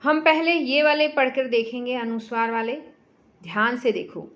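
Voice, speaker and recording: A woman's voice: fairly high pitch, normal speed, muffled recording. A woman teacher going through a workbook lesson for children, patiently breaking words into sounds and repeating them.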